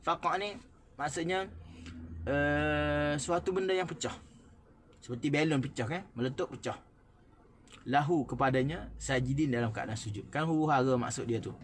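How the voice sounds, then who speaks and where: A man with a Malaysian Malay accent teaching Quran recitation. He explains in short phrases and then recites the examples slowly. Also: a little high, a little hiss or hum.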